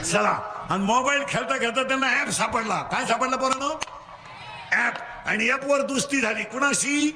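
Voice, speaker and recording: A kirtan preacher with a Marathi accent gives a comic sermon in a very high voice. He drives rapid call-and-response, drilling the crowd to answer, and playfully mocks and scolds the schoolboys.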